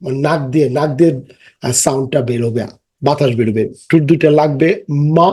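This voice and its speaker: A man teaching children an English lesson. He chants rhymes and sounds slowly, stretches each word and explains patiently. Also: fairly high pitch, mellow, breathy edge. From Bangladesh. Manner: explains patiently, mixing English into his speech.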